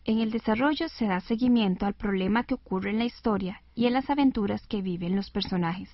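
Lady hosting a school radio show, clear teacherly talk, muffled lo-fi sound. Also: mid-range voice, brisk, no echo. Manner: clear, didactic. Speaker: radio lesson host. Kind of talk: scripted educational radio. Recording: dull lo-fi radio recording.

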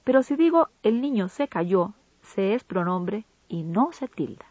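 A woman co-hosting an educational radio program, reading a Spanish grammar lesson in a measured, didactic way. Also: mid-range voice, sing-song, darkish tone, no echo. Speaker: co-host of a language program. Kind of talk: scripted educational radio narration. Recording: dull lo-fi broadcast audio.

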